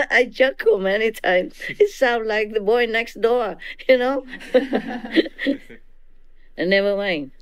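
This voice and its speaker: Speaking with a Vietnamese accent in a medium-pitched, fairly bright voice, this spiritual teacher talks informally to her disciples. She laughs frequently and keeps checking that her listeners are following.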